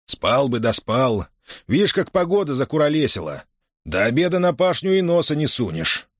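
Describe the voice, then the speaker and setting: A man's voice: mid-range voice, very animated, normal speed, dry recording, clean studio sound, pitched above the performer's own voice. A man reading a novel aloud, voicing an older cossack father who talks in an easygoing, fatherly way.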